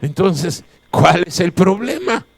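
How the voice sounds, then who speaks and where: Male pastor, slow deliberate sermon delivery, emphatic repetition, somewhat high voice. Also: big pitch swings, gravelly, dry recording. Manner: emphatic, repeats key phrases. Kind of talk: chapel sermon. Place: chapel of a Bible college.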